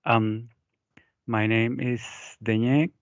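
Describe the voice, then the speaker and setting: A man's voice: mid-range voice, level tone, slow, a little hiss or hum. A young man with a Czech accent, a native Czech speaker, gives an informal slide presentation in hesitant, repetitive English. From Czech Republic. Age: young adult. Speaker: presenter for a young engineers' group. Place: online video meeting. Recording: dull, muffled online call audio.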